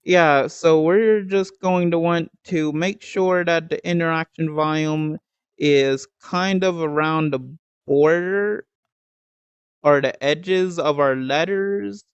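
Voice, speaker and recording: A man giving a step-by-step game building tutorial in a slow, halting way, pausing often with ums and restarts, and hiccuping now and then. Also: fairly high pitch, clean tone, dry recording, highs cut off.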